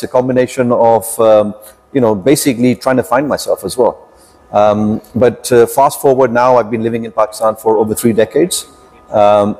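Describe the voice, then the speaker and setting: A man speaks as a podcast guest. His voice is mellow and warm, sitting at a middle pitch. He talks in a measured, reflective way, pausing often as he recounts his life. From United Kingdom. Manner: measured, reflective storytelling with frequent pauses. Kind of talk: podcast interview.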